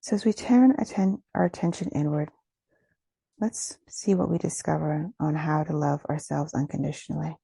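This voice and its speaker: A guided meditation is led by a woman whose voice is low, soft and breathy, her tone steady as she moves gently and slowly, pausing between phrases. No room sound is audible.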